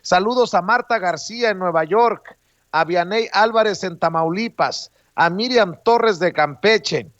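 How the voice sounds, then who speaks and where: A male show host reading out phone numbers slowly and greeting viewers during an interview. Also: high voice, dry recording, highs cut off. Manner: slow, deliberate reading of phone numbers, friendly shout-outs. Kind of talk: interview hosting with promotional call-to-action.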